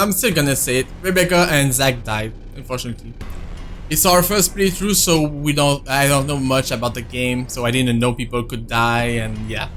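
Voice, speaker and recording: A man's voice: on the high side, fairly bright tone. A man streaming a visual novel, who reads the narration aloud and chats with viewers in between. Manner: reads narration, breaks off to answer chat. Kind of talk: reading a visual novel aloud with casual chat.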